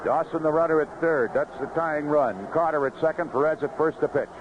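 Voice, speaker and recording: On live radio, a man calls baseball play-by-play from an outdoor ballpark broadcast booth, speaking in clipped phrases and pausing between pitches. The broadcast sounds like vintage 1970s radio, noisy and muffled.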